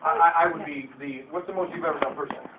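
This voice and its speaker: A man's voice: on the high side, steady tone, very fast. A man, a sales leader, gives a blunt, emphatic motivational Q&A talk to a roomful of his team, often stumbling over restarts as he gets fired up. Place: meeting room with an audience. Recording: distant, tinny, faintly hissy camera audio.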